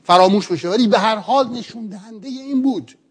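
A man with a fairly high voice teaches a sermon in an earnest, patient way. He explains each point step by step and keeps asking his listeners rhetorical questions. He sounds middle-aged. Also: husky. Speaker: pastor.

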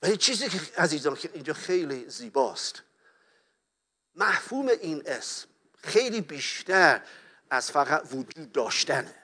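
A man's voice: a little high, sing-song, bright, forceful tone, husky. A man preaching a sermon, earnestly explaining scripture and calling his listeners beloved. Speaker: pastor.

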